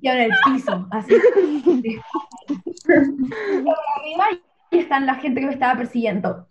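A young woman telling a funny story among friends, animated and laughing as she goes. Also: high-pitched, unhurried. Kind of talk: casual chat. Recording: dull lo-fi sound with faint noise.

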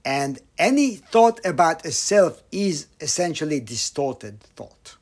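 A man giving a Buddhist dharma talk, slow and reflective, with pauses and some phrases dropped almost to a whisper. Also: fairly high pitch, big pitch swings. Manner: slow, pausing, with soft near-whispered phrases. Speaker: meditation teacher.

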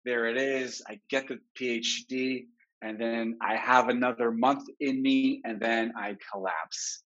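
A man in his forties from Israel, a therapist giving a webinar talk, telling his own story in a candid, reflective way, heard through low quality webinar stream audio. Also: fairly bright tone. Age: 40s. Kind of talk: personal storytelling lecture. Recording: dull lo-fi webinar recording.

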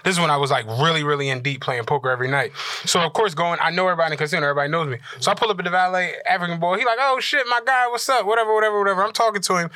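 Fast-talking bright-voiced man telling stories. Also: fairly high pitch, no room sound. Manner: animated, profane storytelling. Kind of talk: casual storytelling chat.

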